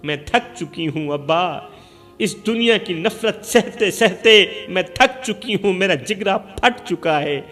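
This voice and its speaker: A woman's voice: lowish voice, animated, fairly bright tone, long reverb tail, soft background music. A man voicing a grieving young woman who laments at her father's grave, in a sobbing storyteller's lament.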